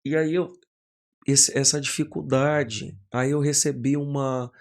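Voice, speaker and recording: A man's voice: medium pitch, measured pace, gravelly. A man, a pastor talking as a guest on a podcast, telling stories with energy and acting out other people's lines. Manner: animated storyteller who acts out quoted voices. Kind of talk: casual podcast conversation.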